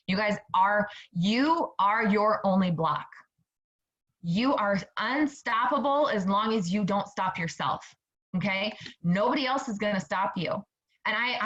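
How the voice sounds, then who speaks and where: A network marketing team leader in her thirties gives her sales team a motivational talk in a mid-range, slightly bright voice. She's chatty and upbeat, often addresses her listeners directly and keeps saying "you guys." The recording is muffled.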